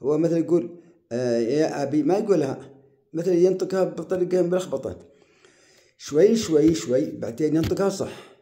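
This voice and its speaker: A man giving casual advice as the host of his own show, talking at an unhurried pace and repeating words for emphasis. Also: on the high side, mellow. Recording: roomy echo.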